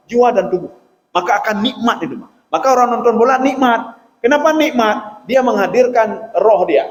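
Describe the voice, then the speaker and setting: High-voiced preacher in an echoing hall. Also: male voice. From Aceh, Indonesia. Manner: animated, keeps addressing listeners as "Pak". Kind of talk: sermon. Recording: echoey hall with long reverb.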